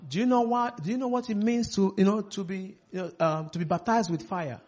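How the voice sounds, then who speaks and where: High-voiced emphatic male preacher. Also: fairly even intonation, fairly quick, darkish tone. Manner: emphatic, repeats phrases, many "you know" fillers. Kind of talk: preached sermon with interpreter.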